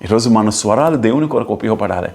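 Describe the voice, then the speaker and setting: A man's voice: on the low side, lively intonation, fast talker, gravelly, a little mellow, soft background music. A man preaching a fervent sermon as pastor, building emphasis through repeated phrases. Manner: fervent, repetitive preaching, rising and falling emphasis.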